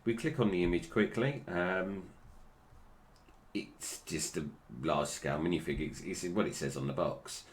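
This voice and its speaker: A man's voice: low voice, a little slow. A British man giving casual, unscripted toy review commentary, with slightly slurred, toothless articulation that stumbles over names.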